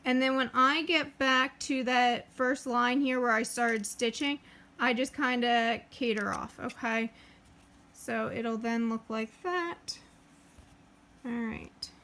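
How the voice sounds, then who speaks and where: A woman's voice: a little high, slow, pushed and bright. A woman hosting a casual sewing tutorial, chatting and using lots of fillers as she talks through each step while she works. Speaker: craft tutorial host.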